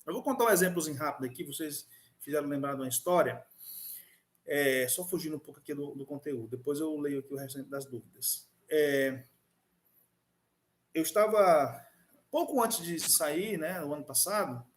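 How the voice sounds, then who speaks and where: A man with a voice on the high side speaks at a normal pace while teaching an online class. He talks conversationally, full of fillers and restarts, weaving a personal story into the lecture.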